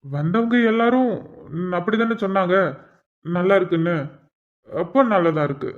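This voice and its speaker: A man's voice: high-pitched, lively intonation, moderate pace. A man voicing a teasing young husband and father in a cartoon, chatty and full of joking asides. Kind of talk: cartoon voice acting. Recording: dull lo-fi recording.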